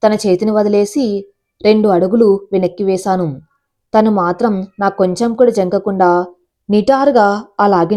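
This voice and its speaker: Mellow woman narrating a story. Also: mid-range voice. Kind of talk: scripted first-person audio story narration.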